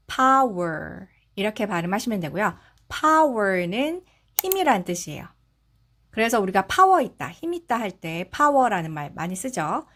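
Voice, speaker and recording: A woman's voice: mid-range voice, a bit bright. A woman teaching English phonics, patiently sounding out each syllable and blending the sounds together. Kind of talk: slow explanatory phonics lesson.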